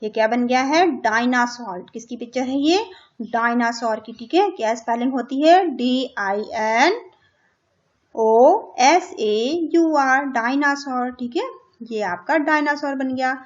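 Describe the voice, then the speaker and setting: A woman teacher with a high voice works through a lesson for young children. She says each word again and again, spells it out letter by letter, and keeps putting questions to the class. The sound is slightly dull and lo-fi. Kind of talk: online class lesson in Hindi and English.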